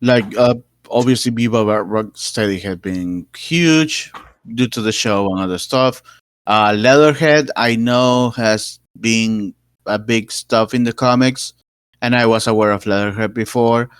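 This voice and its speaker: Podcast cohost guy, lowish voice, dry close sound, rambles with lots of uhs. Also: measured pace, clear, resonant tone, no room sound. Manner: rambling, many fillers and restarts. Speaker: podcast co-host. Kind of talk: casual chat.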